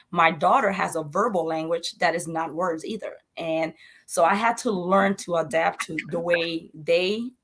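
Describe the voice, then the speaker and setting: A woman's voice: on the low side, a bit bright. Earnest mother speaking emphatically. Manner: earnest, emphatic, repeats herself. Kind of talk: interview conversation.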